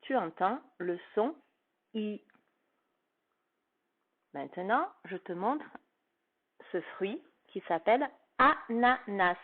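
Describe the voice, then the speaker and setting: Patient woman teacher, slow and clearly spoken, phonics lesson for a child, recorded with a thin phone-line sound. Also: mid-range voice, lively intonation. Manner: slow, carefully articulated, patient, addressing a child.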